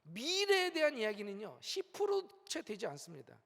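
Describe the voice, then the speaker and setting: A middle-aged man serving as senior pastor preaches with an extremely high, gravelly, fairly bright voice, huge pitch swings, and normal speed. Leading call-and-response with strong emphasis, his rising and falling voice carries the long reverb of a large church sanctuary.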